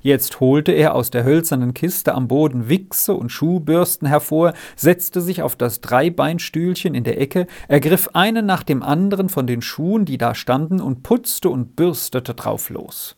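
A man reading a children's storybook aloud in a calm, measured way. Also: fairly high pitch, gravelly.

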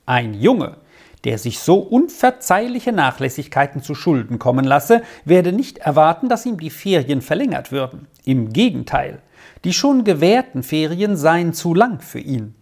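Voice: medium pitch, sing-song, normal speed, darkish tone. A reader voicing a pedantic male school headmaster who lectures a pupil indignantly in a letter, in an audiobook. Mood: stern scolding.

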